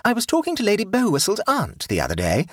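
A man's voice: high voice, huge pitch swings, fast talker, dry recording, studio quality, voice pushed up, full character voice. A man voicing an elderly, prim and fussy society duchess, gushing and pompous, in an audiobook. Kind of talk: audiobook character voice.

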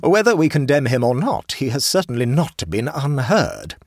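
Reading an audiobook, a man voices a stern, imperious older aunt, speaking coldly, firmly and magisterially in an indignant mood. His mid-range voice is pushed up into a sing-song delivery at a moderate pace. The recording is dry and studio quality.

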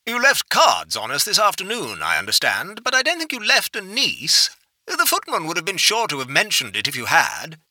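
A man's voice: high-pitched, wildly swooping pitch, moderate pace, bright, forceful tone, no echo, pitched above the performer's own voice, exaggerated voice. A man voicing a droll aristocratic lord who answers with dry, teasing irony. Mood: drily teasing. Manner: drily ironic.

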